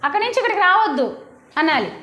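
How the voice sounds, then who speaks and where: A woman's voice: extremely high pitch, big pitch swings, very fast, pushed and bright, echoey room, slight background noise. A woman teaching a primary school class, coaxing the children to repeat after her. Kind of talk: classroom lesson.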